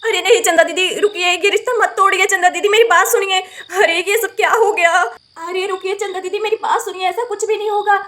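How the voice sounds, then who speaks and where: A gentle young sister-in-law in a doll story, voiced by a woman. She speaks softly and placatingly in a very high voice. The tone is bright and clear. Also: level tone, quick pace, hardly any pauses. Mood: pleading. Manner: soft, pleading, placating.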